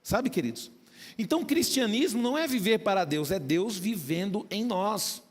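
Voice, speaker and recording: A Brazilian pastor preaches with a fairly high voice, climbing to emphatic peaks and teasing his listeners. His voice rings through a reverberant church hall. Instrumental music plays clearly underneath. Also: lively intonation, moderate pace. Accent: Brazilian Portuguese. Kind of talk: sermon.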